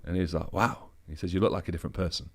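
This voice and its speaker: Guest spot: a man with a very low voice, relaxed anecdotal talker. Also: very fast. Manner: easygoing anecdotal storytelling, loose with fillers. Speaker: bodybuilder guest. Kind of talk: casual interview chat.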